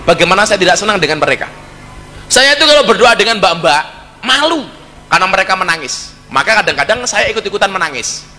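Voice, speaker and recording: Bright-toned Javanese preacher in an echoing hall. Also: male voice, high-pitched, fast, faint music behind. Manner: joking, lively storytelling, slips into Javanese. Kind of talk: sermon with humorous storytelling. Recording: hall reverb.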